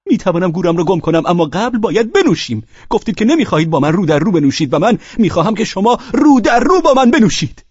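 Brief: male narrator doing a drunk, groveling husband, pushed way up in pitch, husky, swinging between whines and shouts. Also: very animated, few pauses, no room sound, dull audio, exaggerated voice. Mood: insistent. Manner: pleading, insistent, high and strained. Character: drunk, fawning, excitable middle-aged husband.

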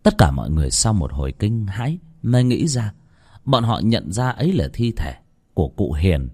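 A man narrating a horror story with dramatic, expressive delivery. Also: on the low side, moderate pace, husky.

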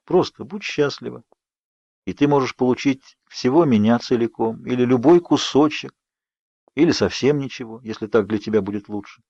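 A man voicing Edward, a sorrowful ageless vampire who speaks softly and with resignation, in an audiobook. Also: mid-range voice, moderate pace, dry recording, close to an everyday voice. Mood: gentle. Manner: soft, murmured, resigned. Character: sorrowful ageless vampire youth, gentle and restrained. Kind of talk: audiobook character reading. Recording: dry, slightly dull studio read.

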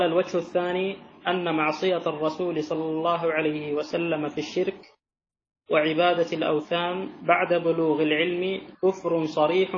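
A man reading a classical religious text aloud to his teacher in a measured, deferential manner. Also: on the high side. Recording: dull sound with faint hiss.

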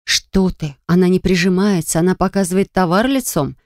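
A woman voicing a sharp-tongued young heroine in a fantasy audiobook, with a sugary, mocking delivery. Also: lowish voice, fairly even intonation, normal speed, no echo, clean studio sound, lightly acted.

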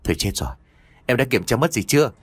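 A man's voice: medium pitch, lively intonation, fast talker, slightly rough, no echo. A man voicing a hungover young husband who talks in a groggy, irritable way in a told ghost story.

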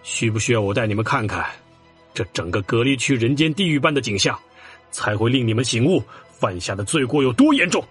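An actor playing a stern, angry middle-aged councillor in an audio drama. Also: male voice, medium pitch, very animated, a little fast, long pauses, fairly bright tone, slightly rough, soft background music, exaggerated voice.

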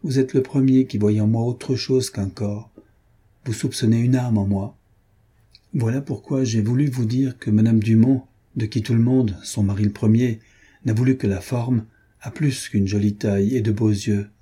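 Impassioned young duchess, theatrical and indignant, read by a man, dark husky tone. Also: mid-range voice, steady tone, moderate pace, close to an everyday voice. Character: passionate young woman, a duchess of the ballroom. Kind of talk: audiobook character reading.

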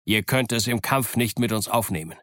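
A man playing a stern, unyielding ship's captain who speaks in a firm, commanding, measured way. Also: lowish voice, a bit bright, dry recording, studio quality, close to an everyday voice. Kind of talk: audiobook character reading.

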